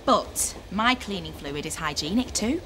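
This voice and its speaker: A chatty bus worker. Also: female voice, lowish voice, animated, a little slow, noisy background.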